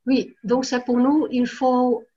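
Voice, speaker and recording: A Dutch-native woman, a language teacher, talks slowly and hesitantly in a casual chat, stopping to look for words and dropping in English yeahs. The recording sounds dull and lo-fi. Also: sits high, little pitch movement, warm tone, breathy edge.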